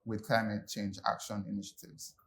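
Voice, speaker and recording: A young man from Jamaica speaking on a panel, relaxed, with many ums and restarts. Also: fairly low pitch, moderate pace, a little hiss or hum. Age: young adult. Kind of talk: panel discussion.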